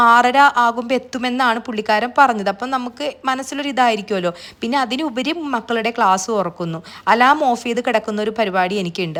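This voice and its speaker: Fast-talking tired woman vlogger. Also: fairly high pitch, a bit bright. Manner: rambling, chatty, digressive with asides. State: tired from lack of sleep. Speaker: family vlogger. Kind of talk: chatty voice-over narration.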